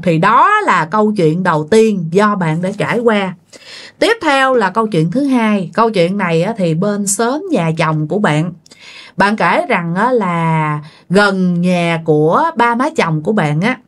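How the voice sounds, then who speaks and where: Chatty woman storyteller. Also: fairly low pitch. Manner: chatty, addresses listeners with fillers. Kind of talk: casual ghost story narration.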